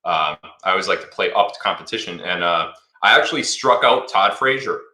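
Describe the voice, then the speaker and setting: Chatty and rambling, this thirty-something livestream host reads out viewer comments and repeats himself in a casual Q&A. He speaks a little fast in a low, sharp voice with lively intonation, recorded in a roomy space.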